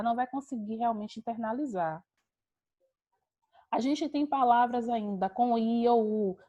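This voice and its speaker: A woman's voice: a little high, a little mellow. A Brazilian woman teaching an online class over a video call, explaining step by step, repeating key words and asking rhetorical questions. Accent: Brazilian Portuguese.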